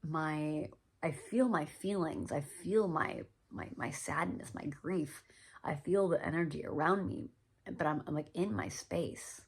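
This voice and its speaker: Low, gravelly-voiced woman speaking softly. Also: unhurried. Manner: soft-spoken, often trailing into a whisper; earnest and self-reflective, with many fillers. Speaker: podcast host. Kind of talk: personal reflective monologue.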